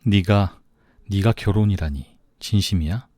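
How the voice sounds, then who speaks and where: A man's voice: low-pitched, measured pace, no room sound, studio quality. A man voicing an affectionate, teasing young male friend in an audiobook. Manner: playful, warm-hearted.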